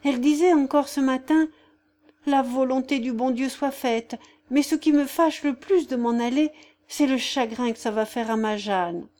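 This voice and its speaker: A woman's voice: high-pitched, moderate pace, mellow, pitched above the performer's own voice, close to an everyday voice. A woman reading a novel aloud voices a simple, devout young peasant girl with artless, rustic phrasing. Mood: earnest. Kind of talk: audiobook character voice.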